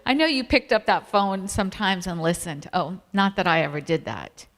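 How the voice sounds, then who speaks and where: A woman's voice: medium pitch, expressive, normal speed. A middle-aged woman, telling stories and laughing often as she co-presents a family ministry talk. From Virginia, USA. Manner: warm storytelling, laughs often. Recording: reverberant hall.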